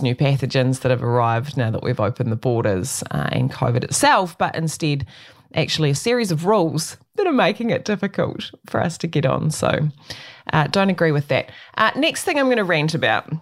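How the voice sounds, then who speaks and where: A middle-aged New Zealand woman hosting a talk show solo, ranting in an emphatic, wry, conversational way. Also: low-pitched. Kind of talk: opinionated solo rant, conversational.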